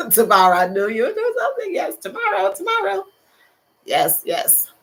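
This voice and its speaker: Chatting with her viewers on a casual livestream, an older woman speaks at a moderate pace in a high voice with vocal fry and wildly swooping pitch. She reads out comments, laughs frequently and keeps repeating herself.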